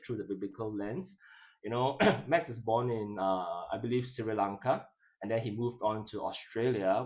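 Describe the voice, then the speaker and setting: A man introducing a guest speaker in a hesitant way, with many fillers. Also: fairly low pitch. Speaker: event host. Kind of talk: casual introduction.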